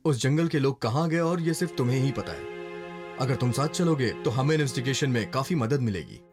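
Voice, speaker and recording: A man's voice: medium pitch, animated, fairly quick, close to an everyday voice. An actor dubbing a confident male police investigator who lectures patiently and slips English phrases into his speech. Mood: firm, persuasive. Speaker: police officer. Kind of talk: dubbed film dialogue. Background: film score music.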